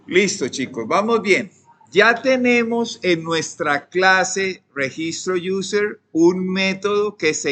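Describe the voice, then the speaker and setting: A young man with a Colombian accent, teaching a programming class, dictating code and quizzing his students, often trailing off softly. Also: mid-range voice, a little hiss or hum. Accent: Colombian Spanish. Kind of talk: live coding lesson.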